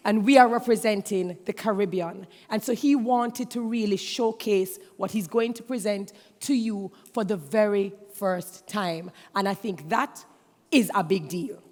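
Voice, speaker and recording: A woman's voice: medium pitch, measured pace. A woman hosting a conference, introducing the keynote speaker from the stage in an announcer's manner. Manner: announcing, builds to an excited intro. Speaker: conference host. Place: conference stage in a large hall. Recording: long hall reverb.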